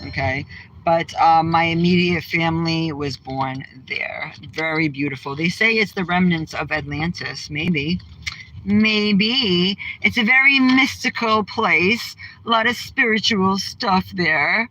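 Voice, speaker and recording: A woman's voice: lowish voice, slow pace, sharp tone, poor audio. Blunt mouthy woman doing a live chat from her car, clapping back at comments. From Massachusetts. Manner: brash, outspoken, trash-talking. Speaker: livestream host.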